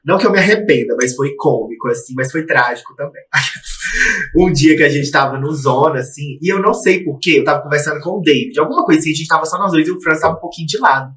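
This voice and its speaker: A man's voice: on the high side, quick pace, far from the mic. A man, a podcast host telling stories theatrically in casual chat. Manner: expressive, theatrical storytelling. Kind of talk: casual chat among friends. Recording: roomy, off-mic sound.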